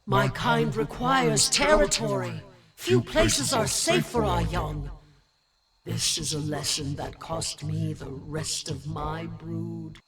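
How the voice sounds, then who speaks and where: A man voicing a huge, fierce female mother dragon, slow and menacing, as he reads a fantasy game aloud. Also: a little high, huge pitch swings, loud music behind the voice, voice pushed up, heavily acted. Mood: grave.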